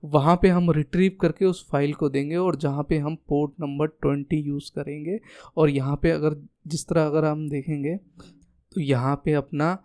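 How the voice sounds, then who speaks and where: A man with a fairly high voice and an Indian accent walks students through an exam answer on a shared screen. He keeps asking questions and then answers them himself, and he calls his listeners friend. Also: flat delivery, normal speed, warm tone, smooth. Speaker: tutor.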